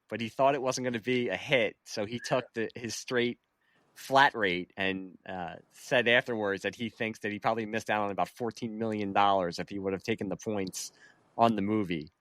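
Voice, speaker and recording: A man's voice: fairly low pitch, a bit bright, no echo, studio quality. A man from Philadelphia hosting a podcast, eagerly rattling off movie trivia in casual chat. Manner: trivia-laden, eager, chuckling. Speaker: podcast host.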